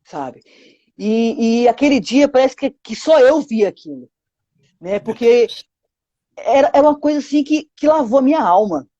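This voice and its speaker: A woman's voice: fairly high pitch, animated, moderate pace, dark tone, no room sound, lo-fi sound. A woman with a Brazilian Portuguese accent telling her testimony to a pastor in an interview, acting out quoted dialogue with lots of 'sabe?'. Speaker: guest giving a testimony.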